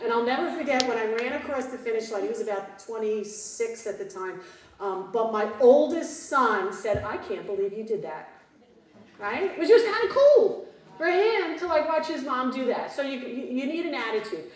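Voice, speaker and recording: Speaking at normal speed in a high-pitched voice, this keynote speaker, a woman in her fifties, gives a lively motivational talk and keeps throwing questions at the conference audience. The mic sits far off in a spacious hall.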